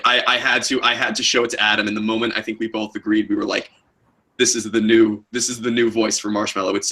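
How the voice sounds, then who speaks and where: A man chats loosely on a livestream, sharing stories about his voice work with an easy laugh. His tone is bright and forward. A slight huskiness runs through his voice. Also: fairly low pitch. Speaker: co-host, voice actor. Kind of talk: casual livestream chat.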